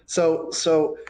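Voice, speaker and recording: A man narrating a tabletop game as game master, relaxed, with frequent fillers. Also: a little hiss or hum.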